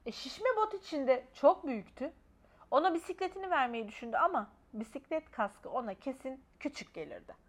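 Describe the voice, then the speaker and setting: A woman's voice: high voice, animated, a little fast. A woman expressively reading a children's storybook aloud.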